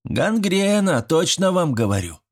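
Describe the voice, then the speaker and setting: A man's voice: mid-range voice, sing-song, darkish tone, breathy edge, voice pushed up. A man reading an audiobook, voicing a nervous teenage schoolboy who hiccups and delivers grim predictions. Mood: gloomy. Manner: hiccuping, drawn-out and mock-tragic.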